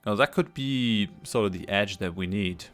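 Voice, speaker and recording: A man's voice: lowish voice, moderate pace, a bit bright, soft background music. A man commentating a strategy game as he plays, thinking aloud, hesitant, with many fillers and restarts, his voice tiring. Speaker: let's play host. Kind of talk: casual gameplay commentary.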